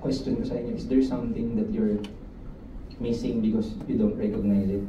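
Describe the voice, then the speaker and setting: A man giving a lively, joking motivational talk to his insurance sales team, often asking the room questions. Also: fairly low pitch, normal speed, lo-fi sound. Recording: echoey room, mic at a distance, faint noise.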